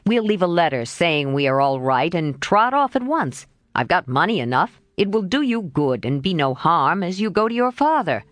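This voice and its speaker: A woman's voice: fairly low pitch, big pitch swings, moderate pace, hardly any pauses, dry recording. A woman voicing a coaxing restless boy. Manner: coaxing, insinuating. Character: willful restless teenage boy.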